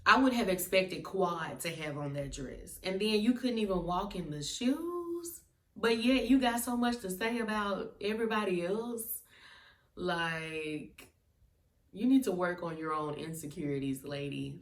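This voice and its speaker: Recapping a reality TV episode, this woman is casual, sassy, blunt and emphatic. Her pitch sits fairly low, and the distant mic picks her up off-mic with room echo.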